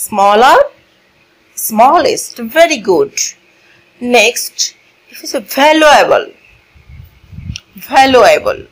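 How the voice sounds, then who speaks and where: Woman teacher, fairly high voice, slow deliberate classroom delivery, repeats words, quizzes the class. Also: very animated, poor audio. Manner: switches between languages mid-lesson. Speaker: English teacher. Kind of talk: classroom grammar lesson. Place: classroom with a board.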